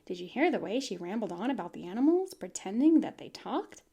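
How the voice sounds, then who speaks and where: A woman's voice: mid-range voice, sing-song, fairly quick, dark tone, slightly rough. A woman reading the part of a worried, proper farm mother who asks anxious questions.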